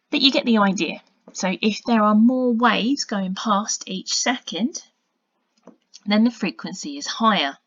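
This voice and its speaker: A woman, a science teacher narrating a recorded video lesson, explaining patiently and muttering quiet asides as she draws. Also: lowish voice, dry recording. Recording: dull lo-fi dry recording.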